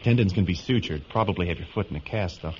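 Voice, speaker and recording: An actor playing a gruff, reluctant rescuer who talks like a practical field medic in an audio drama. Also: male voice, low voice, fast talker, lightly acted. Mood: gruff concern. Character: gruff, reluctant male truck-driving rescuer, kind underneath. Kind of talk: dramatic audio fiction acting. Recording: dull, noisy audio drama recording.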